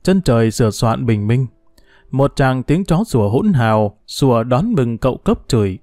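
A man narrating a village story at night in a calm, measured reading voice. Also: medium pitch, no echo, clean studio sound.

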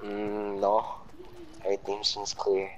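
Slow, low-voiced man chatting over a game. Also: monotone, a little hiss or hum, low-quality recording. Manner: laid-back, swears casually while playing. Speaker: gamer. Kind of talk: casual gaming chat with a friend.

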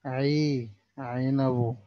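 Egyptian male teacher, slow, drawn-out sounding-out of letters, dry and dull lo-fi audio. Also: medium pitch, flat delivery, dark tone, no room sound. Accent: Egyptian Arabic. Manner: stretches out sounds when sounding out letters and words. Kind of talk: recorded lesson for young children.

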